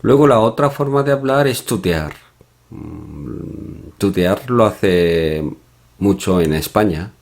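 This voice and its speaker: A man teaching a Korean lesson from slides, explaining slowly with pauses and soft hums. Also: low voice, animated, gravelly. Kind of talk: slide-based language lesson.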